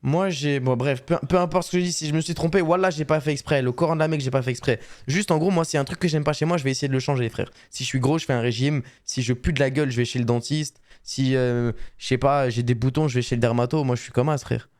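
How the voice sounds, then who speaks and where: A man's voice: medium pitch, fairly even intonation, quick pace, few pauses, darkish tone. A man streaming his reactions, chatting casually in slangy, joking street talk.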